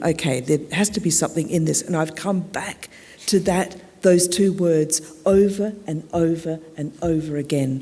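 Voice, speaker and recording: An Australian woman tells her story from a stage, reflective and measured, leaning on pauses. Her voice sits low and mellow with a husky edge. The sound carries a long echo from a large hall. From South Australia. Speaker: keynote speaker. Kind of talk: personal storytelling talk. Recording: echoey hall.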